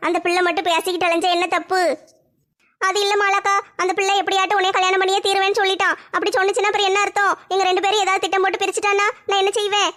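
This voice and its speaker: A woman, acting out a comic family skit in fast, chatty banter. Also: extremely high pitch, flat delivery, a bit bright.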